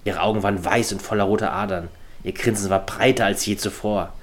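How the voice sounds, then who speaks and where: Man, horror story narration, low voice, calm, measured pacing. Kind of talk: scripted horror story reading.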